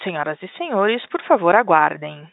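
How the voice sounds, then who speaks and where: A woman's voice: fairly low pitch, big pitch swings, normal speed, vocal fry, dry recording. A woman conference call operator making a polite, formal announcement over the phone line. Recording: tinny dry phone line.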